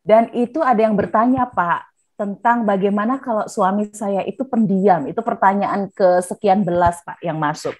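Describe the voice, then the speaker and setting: A woman's voice: mid-range voice, normal speed. Female webinar host, mid-range voice, friendly, relays audience questions over a video call. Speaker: webinar moderator. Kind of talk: moderating an online seminar.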